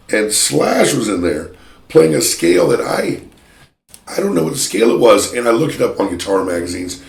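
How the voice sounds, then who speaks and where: A man teaching a guitar lesson in a chatty, self-deprecating way, pausing to play examples. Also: lowish voice, gravelly. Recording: roomy sound with loud guitar playing. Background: electric guitar playing.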